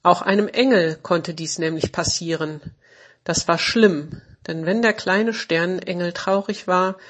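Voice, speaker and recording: A woman narrating a children's story in a gentle, measured storybook reading. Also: fairly low pitch.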